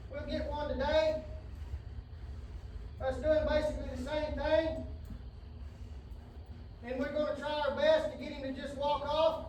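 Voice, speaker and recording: Man, horse trainer, drawling folksy talk, very high pitch, distant outdoor recording, faint background hum. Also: reverberant. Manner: drawling, folksy, preachy asides, soothing whoas to the horse. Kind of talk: explaining to camera while working a horse. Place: outdoor round pen.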